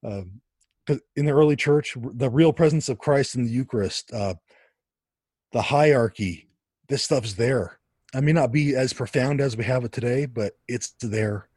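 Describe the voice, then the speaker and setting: Man, podcast guest, husky dry voice, animated storyteller who restarts his sentences. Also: medium pitch, moderate pace, dry recording. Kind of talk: conversational storytelling.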